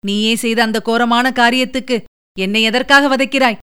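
A woman's voice: fairly high pitch, fairly even intonation, normal speed, a bit bright, clean tone, lightly acted. A woman voicing an aging king who is haunted by a ghost, pleading in anguish, within a narrated audiobook.

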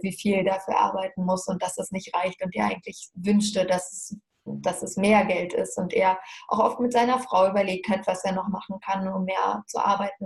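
A woman as a podcast guest, telling a heartfelt story with animated, earnest delivery. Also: mid-range voice.

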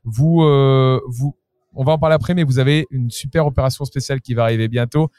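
Speaking with enthusiasm and plenty of chatter, a podcast host interviews people casually at a trade fair while faint concert music plays behind him. His voice sits in the mid-range, with a steady, mellow tone and a brisk pace. The recording is studio quality, with no room sound.

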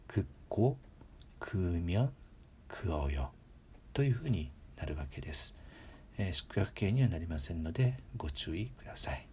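A man giving a patient, measured grammar lesson, repeating example words slowly and pausing often with fillers. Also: low voice, warm tone, a little hiss or hum. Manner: polite instructional phrasing with frequent filler pauses. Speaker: language teacher.

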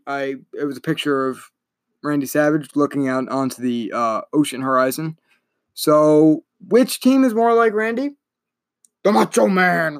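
A man's voice: medium pitch, no echo, studio quality. A young man hosting a casual solo sports podcast, talking in a rambling, chatty way and often correcting himself. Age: young adult. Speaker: podcast host.

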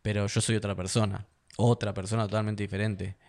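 A man's voice: on the low side, little pitch movement, brisk, darkish tone. A young man from Argentina with an Argentine accent, telling stories as a fighter guest in a casual interview, laughing often and acting out quotes in a raised voice. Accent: Argentine Spanish.

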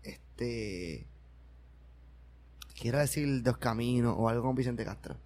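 A Puerto Rican comedian in casual chat, slangy and repeating words for emphasis. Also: male voice, medium pitch, slow pace, darkish tone. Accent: Puerto Rican Spanish.

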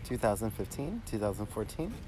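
Young guy on a podcast, kinda low voice, rambly with lots of um and like, noisy recording. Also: sing-song, a little fast, a little mellow. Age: young adult. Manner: rambling, filler-heavy storytelling. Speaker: podcast co-host. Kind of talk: casual chat.

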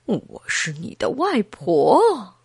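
A woman playing a sweet older grandmother, soft and unhurried, slightly lowered voice, coaxing gently in a children's storybook. Dry close recording. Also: wildly swooping pitch, vocal fry, husky, no room sound, full character voice.

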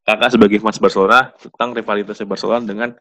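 Young male host, low voice, quick chatty delivery, casual football talk. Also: little pitch movement, bright, forceful tone. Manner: quick, chatty, restarts often.

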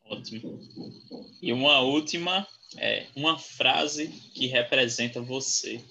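A man's voice: medium pitch, takes it slowly, creaky, pushed and bright. A man interviewing a guest, asking questions and chiming in with short encouraging remarks.

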